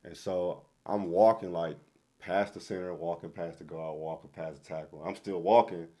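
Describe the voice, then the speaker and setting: A young man speaks in a deep, low-pitched voice, relaxed and conversational. He tells stories with plenty of fillers, like a former quarterback looking back in a casual interview. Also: normal speed. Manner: relaxed storytelling with fillers and laughs.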